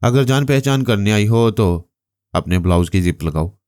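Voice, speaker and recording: Narrator as a mocking young engineer, deep voice, dry close read. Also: male voice, expressive, darkish tone, clear, resonant tone, no room sound, close to an everyday voice. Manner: mocking, unhurried. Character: cool, teasing young male engineer.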